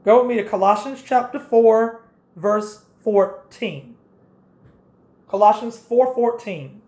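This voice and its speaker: Female preacher, methodical sermon delivery, slightly high-pitched, reverberant room. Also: slow pace, mellow. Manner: repeats scripture references, directive and explanatory.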